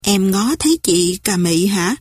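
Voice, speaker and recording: A woman voicing a young woman hiding in a cave during wartime, speaking softly and pleadingly. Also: medium pitch, expressive, unhurried, husky, dry recording, clean studio sound. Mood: anxious.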